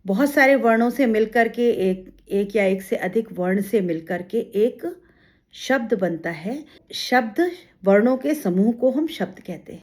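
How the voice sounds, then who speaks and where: A woman's voice: medium pitch, a little mellow. A woman teaching a grammar lesson for exam students, in a mid-range voice. She builds each point step by step, poses rhetorical questions and answers them with everyday examples.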